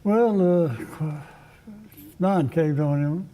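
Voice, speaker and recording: Elderly Appalachian man, echoey, halting recollection. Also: high-pitched, warm tone. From Kentucky, United States. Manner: folksy, halting, repeats phrases while remembering. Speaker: interviewee recalling childhood. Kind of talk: casual oral-history reminiscence. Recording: echoey reverberant room.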